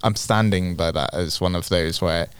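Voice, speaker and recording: A man with natural croaky vocal fry, chatting casually as a film critic guest on a podcast. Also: sits low, moderate pace, dry recording. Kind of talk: casual chat.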